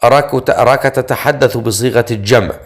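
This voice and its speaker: A man's voice: mid-range voice, fast, lightly acted. A man voicing a stern male master of the forest in an audiobook, speaking with cold, curt warnings.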